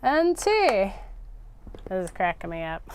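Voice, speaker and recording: Over a noisy background, a woman with a lowish, very animated voice hosts a craft tutorial as a casual livestream chat. She speaks a little slowly and rambles, half talking to herself as she works.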